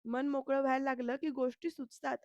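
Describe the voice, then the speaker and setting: An earnest young man who pleads his case and coaxes a friend, read out by a woman recapping a serial. The voice sits high. It sounds close and dry. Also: little pitch movement, a little fast, no room sound. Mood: coaxing.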